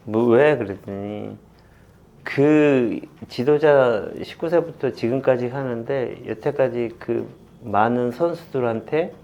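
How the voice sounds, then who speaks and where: A man in his fifties, a football coach, talking through memories in an interview with many pauses and fillers. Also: mid-range voice, darkish tone, lo-fi sound. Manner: halting and reflective, many fillers, laughs while retelling. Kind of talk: candid interview.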